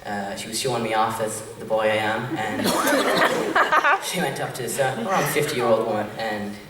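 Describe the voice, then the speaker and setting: A young Irish man doing live stand-up, chatty and rambling with filler pauses, recorded far from the mic in an echoey club. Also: on the low side, steady tone. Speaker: stand-up comedian. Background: crowd laughter and room noise.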